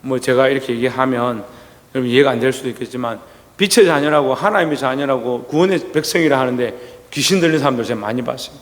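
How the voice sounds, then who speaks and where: A man preaching a sermon as pastor. He keeps asking the congregation questions and answering them himself, and he swings between loud, rising exclamations and low asides. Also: quick pace. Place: church sanctuary. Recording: long reverb of a church hall.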